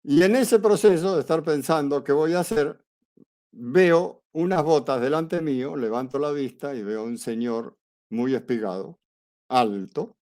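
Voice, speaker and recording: Male teacher, mid-range voice, relaxed storyteller who voices the people in his anecdote. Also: mid-range voice. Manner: lively anecdote, acts out quoted dialogue; conversational, with fillers and restarts. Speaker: astrology teacher. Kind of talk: storytelling in a class.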